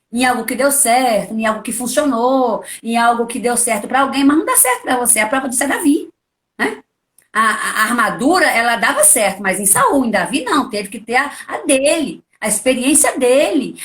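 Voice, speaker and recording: A middle-aged woman preaching in a friendly, conversational way. Her voice sits a little high, and she keeps asking rhetorical questions. She hits her key points with sudden leaps in pitch. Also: fairly bright tone. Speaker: preacher, guest. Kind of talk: conversational testimony and teaching.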